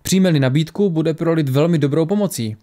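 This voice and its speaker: A man voicing a wise temple woman who speaks calmly and approvingly. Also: fairly high pitch, close to an everyday voice.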